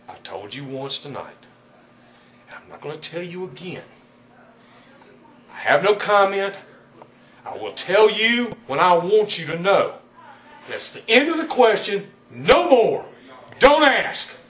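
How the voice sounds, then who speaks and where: A man's voice: high voice, very animated, takes it slowly, pauses often, fairly bright tone. A middle-aged man giving curt, stern, emphatic answers in a wrestling interview. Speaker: wrestling personality being interviewed. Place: indoor room.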